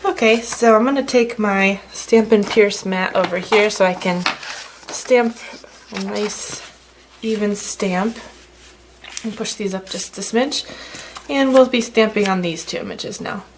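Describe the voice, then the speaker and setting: A woman's voice: mid-range voice, measured pace, a little hiss or hum. Chatty woman demonstrating card stamping. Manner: chatty, relaxed, many fillers. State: slight frog in throat. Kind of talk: casual craft tutorial.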